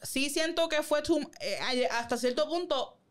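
A woman's voice: high-pitched, animated, unhurried. A Puerto Rican woman co-hosting a podcast in casual chat, sassy and slangy, mixing in English phrases. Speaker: podcast co-host.

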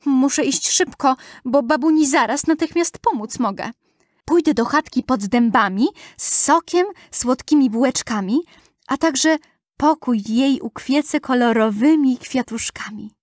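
A woman's voice: sits high, unhurried, dry recording, studio quality, pitched above the performer's own voice. A woman voicing a cheerful little girl in a rhyming storybook, with a chirpy, sing-song delivery. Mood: eager.

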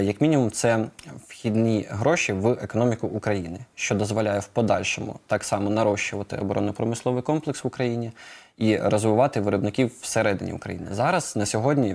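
A man's voice: lowish voice, vocal fry, a little mellow. A man answering questions as a studio guest in a live interview, hesitant with many filler sounds. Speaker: production head of a drone maker, guest.

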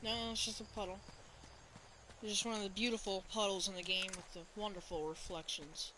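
A woman's voice: medium pitch, little pitch movement, a little fast, noisy background. A woman streaming a video game, chatting casually to herself as she plays. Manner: chatty, talks to herself, drops to a whisper at times. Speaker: gaming streamer. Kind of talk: casual let's-play commentary.

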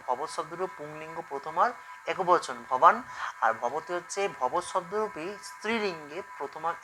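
A man's voice: fairly high pitch, pushed and bright, rough recording. A man teaching a spoken-language lesson, explaining each form step by step and repeating it. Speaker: Sanskrit teacher.

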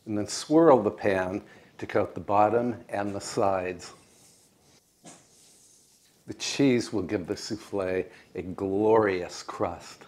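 An older American man hosting a home cooking show, explaining each step in a calm, precise, gently encouraging way in his kitchen. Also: on the low side, takes it slowly, long pauses, a little hiss or hum. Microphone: lapel mic.

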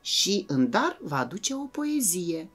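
A woman with a Moldovan Romanian accent, teaching a lesson to young children in a lively, encouraging and clear way. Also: on the low side. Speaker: primary school teacher.

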